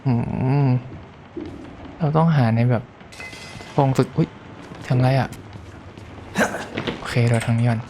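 A man's voice: mid-range voice, takes it slowly, long pauses, warm tone. A man giving casual commentary while playing a horror game, exclaiming and chattering at the screen. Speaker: gameplay streamer. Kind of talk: casual let's-play commentary. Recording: clear background game noise.

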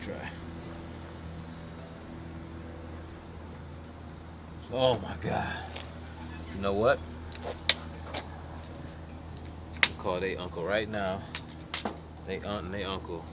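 A man's voice: low-pitched, a little slow. A man playing a grumpy, exasperated seventy-year-old grandpa, grumbling in a loosely improvised family comedy skit. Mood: exasperated muttering. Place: around a house, indoors and outdoors. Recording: noisy, roomy, distant camera-mic sound.

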